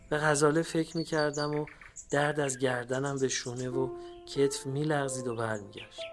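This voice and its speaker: A man with a fairly high voice reads a literary memoir aloud in a measured, unhurried way. A soft bed of music plays quietly under his narration. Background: faint background music.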